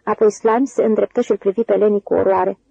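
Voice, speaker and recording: A woman narrating a novel as an audiobook reader, in an even, measured way. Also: medium pitch, vocal fry, slightly rough, dry recording, muffled recording.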